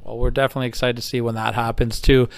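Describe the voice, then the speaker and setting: A man's voice: mid-range voice, flat delivery, rapid-fire. A man interviewing a guest in a casual, enthusiastic, fan-like way.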